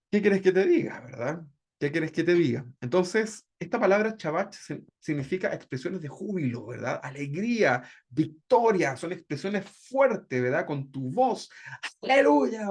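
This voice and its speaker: Hombre animado con voz rasposa. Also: male voice, a little high. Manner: conversational, keeps asking "¿verdad?". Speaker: pastor teaching a discipleship class. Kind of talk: informal Bible class teaching.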